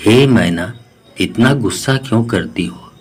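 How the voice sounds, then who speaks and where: A man reading a gentle pleading parrot. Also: fairly low pitch, measured pace, breathy edge. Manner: soft, pleading. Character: homeless grieving male parrot, gentle and pleading.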